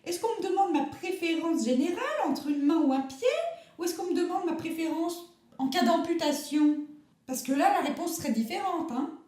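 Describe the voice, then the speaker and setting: A woman's voice: very high-pitched, moderate pace, dark tone, very echoey. A woman playing a grand, theatrical national actress who is fearful and fussy, speaking in an affected, precious and rambling way in a comic radio sketch.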